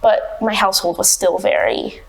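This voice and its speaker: A woman's voice: mid-range voice, sing-song, moderate pace, vocal fry, slight background noise, rough recording. A young woman from Venezuela, raised in the United States, hosting a podcast interview in casual, joking chat and laughing often. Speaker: podcast host. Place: podcast recording in Miami.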